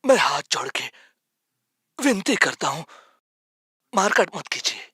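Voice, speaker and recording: A man voicing a nonviolent hero who appeals calmly for peace. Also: high-pitched, a little slow, slightly rough, no room sound, studio quality, heavily acted. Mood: appealing. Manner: calm, appealing. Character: nonviolent male hero on hunger strike. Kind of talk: Hindi film dub.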